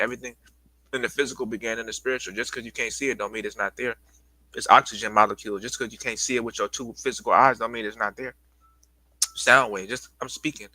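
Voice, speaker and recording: Breathless man lecturing his stream, bright and dry. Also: lowish voice, dry recording, poor audio. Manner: loose, repetitive, addresses viewers as y'all. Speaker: livestream host giving a presentation. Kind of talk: casual livestream lecture.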